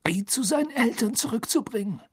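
A man's voice: very high voice, lively intonation, brisk, husky, voice pushed up, heavily acted. A man voicing a dazed, injured teenage boy in an audiobook, speaking in a faint whisper.

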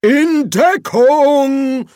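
Narrator doing a bossy blustering head wizard, loud, slow and punchy. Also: mid-range voice, sing-song, no room sound, studio quality, pitched above the performer's own voice. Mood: commanding. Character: blustering, commanding male archchancellor wizard.

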